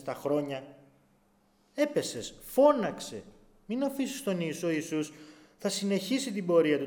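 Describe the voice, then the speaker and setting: A male preacher with a slightly higher-than-usual voice delivers a heartfelt sermon. He swings between hushed, intimate passages and loud, urgent exhortations. He raises his voice to act out pleading cries. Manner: acts out quoted pleas in a raised voice.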